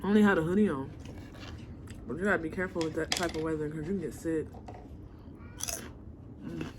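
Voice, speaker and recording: A woman's voice: low-pitched, fairly even intonation, brisk, noisy background. A woman hosting a mukbang eating show, chatting casually and murmuring with enjoyment between bites. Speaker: mukbang host.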